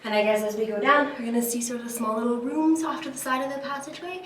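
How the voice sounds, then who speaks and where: A woman's voice: a little high, fast talker, distant mic, slight background noise. A woman vlogging in a casual, chatty way as she walks through narrow cave tunnels, explaining what she learned, her voice echoing off the rock. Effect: cave echo. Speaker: travel vlogger. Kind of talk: casual travel vlog chat. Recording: echoey cave with people around.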